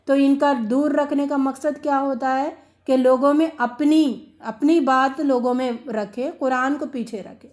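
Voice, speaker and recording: A woman teaching Quran recitation gives a religious lecture in an earnest, questioning manner, repeating phrases for emphasis and mixing English words into her speech. Her voice is high-pitched, a little mellow, with a steady tone.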